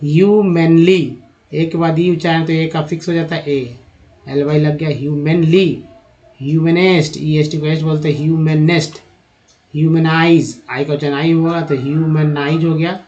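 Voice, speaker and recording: A man's voice: a little high, flat delivery, a little slow, a little mellow. A man teaching English reading, sounding out words syllable by syllable and repeating each one. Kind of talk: slow word-by-word reading lesson. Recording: dull lo-fi recording.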